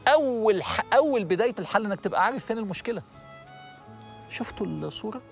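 Animated fast-talking Egyptian man teaching. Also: sits high, creaky, faint music behind. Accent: Egyptian Arabic. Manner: animated, asks the audience questions, acts out worried people. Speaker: religious TV host and lecturer. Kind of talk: religious lesson to a studio audience.

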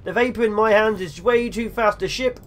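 Chatty young man with a high voice. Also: brisk, background noise. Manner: chatty, jokey, talks to himself while playing. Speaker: let's play host. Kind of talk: gameplay commentary.

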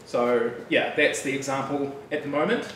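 A developer from New Zealand speaks at normal speed in a mid-range voice, giving a casual technical talk at a meetup in an easygoing, chatty way, with frequent fillers and asides. He's in a bright loft-like office with an audience, standing away from the room mic. The result is a distant, echoey recording with noise in the background.

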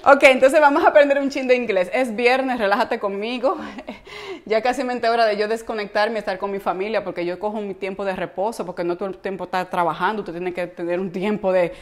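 A woman's voice: mid-range voice, fairly even intonation, quick pace. A woman hosts a casual live cooking stream from her home kitchen, chatting, laughing often and answering viewer comments. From Latin America. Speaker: cooking vlog host and coach.

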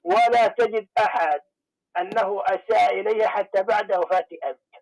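A man, a sheikh calling in, arguing his religious position in measured, formal speech. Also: sits high, creaky, a little mellow, poor audio. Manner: measured, formal classical phrasing. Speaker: caller, sheikh.

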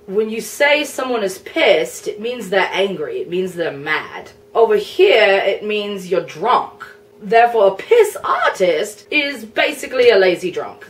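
A woman's voice: medium pitch, far from the mic, close to an everyday voice. A woman playing England, a prickly young male nation personified, in a chatty, explanatory cosplay Q&A. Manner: chatty, explanatory, a bit flustered, laughs often. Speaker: cosplayer answering viewer questions. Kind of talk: in-character cosplay Q&A.

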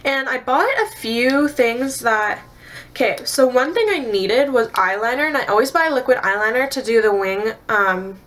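A woman's voice: fairly high pitch, a bit bright. A tired young woman from Canada, a beauty vlogger chatting casually through a product haul, rambling with lots of fillers and restarts. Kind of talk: casual haul video chat.

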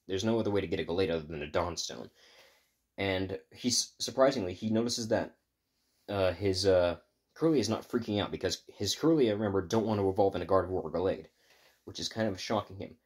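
Low husky man telling a rambling story. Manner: rambling, stop-and-start retelling. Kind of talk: improvised fan story narration.

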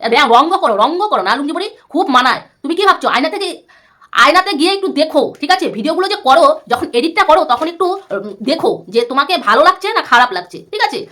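Woman vlogger, angry roast rant, insulting and repetitive; rapid, high delivery. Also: lively intonation, bright, forceful tone. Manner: scolding, insulting, repeats herself a lot. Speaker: YouTuber.

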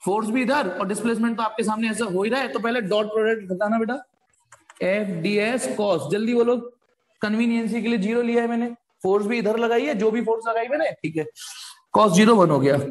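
Brief: very high-voiced male tutor, jokey and pushy, echoey room. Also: a little fast. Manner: playful, jokey, coaxing students to answer. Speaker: physics teacher. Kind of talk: live online class lecture.

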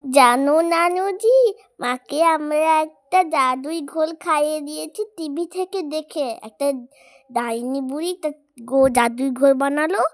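A woman voicing an excited little child in a cartoon dub, telling a story in a breathless rush. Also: high-pitched, dry recording, clean studio sound. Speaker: voice actor.

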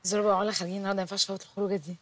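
A woman with an Egyptian accent playing a bossy, irritable young working wife in a comic film scene, with a demanding, sharp manner. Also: medium pitch, flat delivery, racing, close to an everyday voice. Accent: Egyptian Arabic. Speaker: film actress.

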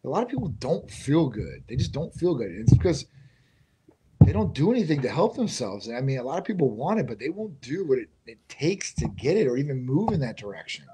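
A man's voice: mid-range voice, very animated, brisk, dark tone, a little hiss or hum. A man who owns a clinic and co-hosts a live question-and-answer show, speaking bluntly and casually into a desk mic. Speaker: clinic owner, co-host. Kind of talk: live Q&A chat. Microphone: desk microphone.

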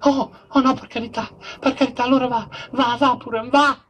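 A man's voice: very high-pitched, flat delivery, normal speed, a bit bright, a little hiss or hum, voice pushed up. A man with a Romagnol accent voicing a young woman, Juliet, who pleads with her lover to go. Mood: pleading.

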